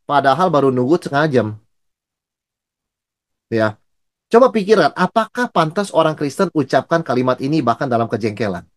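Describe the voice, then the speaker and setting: Animated pastor acting out quoted voices. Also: male voice. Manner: animated, acts out quoted voices in a higher pitch; conversational, keeps adding a tag "ya" at phrase ends. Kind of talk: Bible study teaching.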